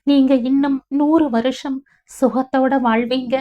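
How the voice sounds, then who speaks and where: A woman's voice: high voice, steady tone, unhurried, highs cut off, voice pushed up. A woman reading the part of a worried young mother who anxiously comforts an older woman.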